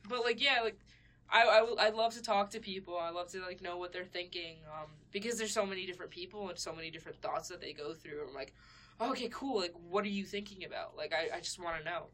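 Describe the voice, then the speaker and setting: A woman's voice: fairly low pitch, fast talker, a bit bright. A young woman co-hosting a casual podcast, rambling with lots of fillers and restarts, laughing often. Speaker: podcast co-host. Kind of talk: casual chat.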